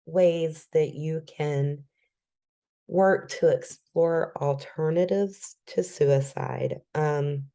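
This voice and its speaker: A woman giving a recorded educational presentation in a calm, measured way, with frequent "um" fillers. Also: sits low, gravelly.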